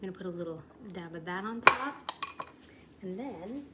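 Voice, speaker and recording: A woman with a lowish, animated voice hosts a laid-back home cooking show, talking at a moderate pace over heavy background noise. She demonstrates a recipe in her kitchen, chatting eagerly with her viewers and calling them "you guys."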